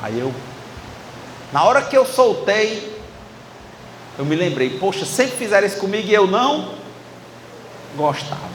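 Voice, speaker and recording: High-voiced Cearense preacher in echoey hall. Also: male voice, big pitch swings, a little slow, long pauses, slight background noise. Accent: Ceará, Brazil. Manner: conversational, acting out dialogue with the audience. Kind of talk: sermon. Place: church hall with live audience. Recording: echoey hall with faint ambience.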